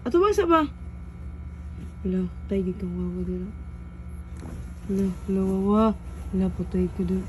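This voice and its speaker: A woman's voice: medium pitch, big pitch swings, moderate pace, pauses often, slight background noise, poor audio. A young woman, a mother filming her child, talking in a playful, coaxing singsong and mixing in English words. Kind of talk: casual home video chat with a child.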